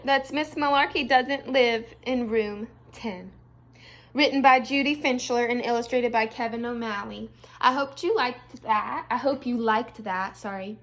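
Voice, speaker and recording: This medium-pitched woman is an elementary school teacher reading a storybook aloud to little ones. She brings expressive energy to the story and chats casually in between.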